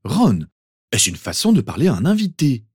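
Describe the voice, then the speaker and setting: Man putting on a bossy caring mom, indignant and brisk, lively swings. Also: medium pitch, breathy edge, no room sound, studio quality, pitched above the performer's own voice. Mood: scolding. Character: bossy caring middle-aged mother.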